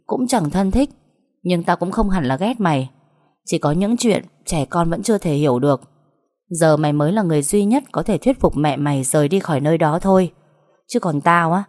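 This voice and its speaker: Woman voicing a sharp-tongued older stepsister, blunt, scolding, rough talk, lowish voice. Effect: heard over a phone call.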